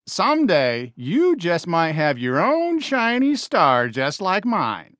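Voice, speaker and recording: Friendly toy cowboy sheriff for a game: American, folksy drawl, unhurried, swooping lively pitch, good-natured. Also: male voice, dry recording, clean studio sound, exaggerated voice. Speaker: video game character greeting players. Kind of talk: animated game voice lines.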